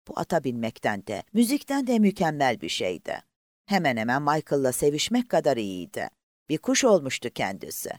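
A man's voice: medium pitch, no room sound, clean studio sound. A man narrating an audiobook expressively and voicing the characters himself.

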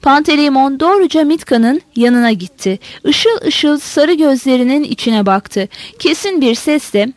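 A woman narrating a novel as an audiobook in a measured storytelling manner. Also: high voice, animated, no room sound.

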